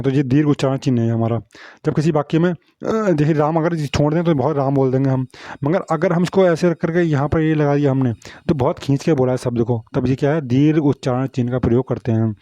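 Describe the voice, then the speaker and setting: A man's voice: on the high side, warm tone, no room sound, muffled recording. A man teaching a Hindi grammar lesson, explaining punctuation marks and often asking whether students understood. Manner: repetitive, asks "samjhe?" often.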